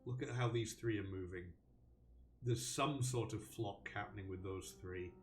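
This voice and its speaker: A man's voice: lowish voice, normal speed, reverberant, far from the mic, faint music behind. A man hosting a live stream, thinking aloud about a game with many ums and restarts. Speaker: host.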